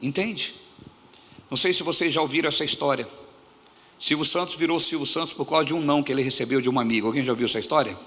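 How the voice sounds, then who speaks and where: A man with a Brazilian Portuguese accent preaching a sermon to his congregation in a church hall, animated and often throwing questions at the listeners. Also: fairly high pitch, fast talker. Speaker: pastor.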